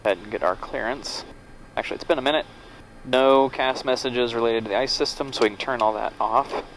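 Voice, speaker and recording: A man's voice: medium pitch, brisk, a bit bright, poor audio. A man narrating his cockpit work casually as a pilot, speaking over a pilot headset. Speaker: pilot and vlog host. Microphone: aviation headset. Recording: faint cockpit noise on headset audio. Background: aircraft cabin noise.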